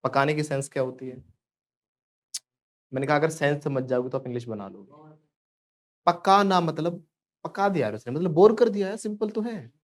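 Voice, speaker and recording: Male online English tutor, playful, joking, drills repetition; slightly high voice. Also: normal speed, pauses often. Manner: playful, joking, keeps prompting students to repeat. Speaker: spoken English teacher. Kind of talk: online class in Hindi teaching English phrases.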